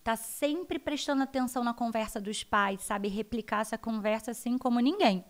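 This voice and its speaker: A woman with a Brazilian accent, a guest educator explaining child development in an animated interview. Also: a little high, normal speed. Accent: Brazilian Portuguese. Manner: animated, acts out her children's voices.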